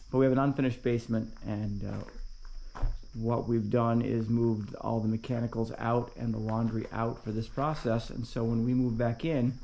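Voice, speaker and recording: A man's voice: medium pitch, gravelly, warm tone, slight background noise, low-quality recording. A man hosting a casual walkthrough vlog, chatty and plainspoken, talking from a basement under a lifted house. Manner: chatty, plainspoken, with frequent "uh" fillers. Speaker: woodworking channel host.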